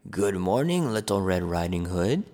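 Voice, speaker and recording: A man reading a storybook aloud, voicing a big wicked male wolf with a gruff, sly manner. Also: low-pitched, sing-song, normal speed, dark tone, long reverb tail, pitched below the performer's own voice.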